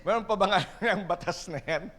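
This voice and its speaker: A man with a high-pitched voice preaches a sermon to his church. He moves between earnest exhortation and playful, teasing asides to the people in the pews. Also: normal speed, a bit bright. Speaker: pastor.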